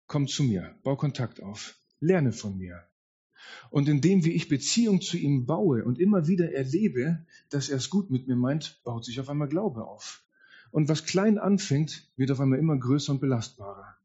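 A man's voice: a little high, expressive, moderate pace, warm tone, husky. A man preaching a sermon at a church service, speaking earnestly and straight to the congregation. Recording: dull lo-fi sound.

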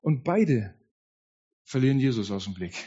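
A man's voice: medium pitch, very animated, normal speed, mellow, breathy edge. A man preaching a sermon at a church service, speaking earnestly and straight to the congregation. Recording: dull lo-fi sound.

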